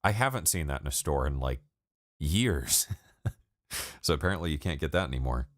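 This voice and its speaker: A music producer in his late twenties streams live, chatting casually with viewers in an extremely low but fairly bright, animated voice at normal speed. He rambles, swears, and laughs a lot. The sound is clean studio quality with no room sound.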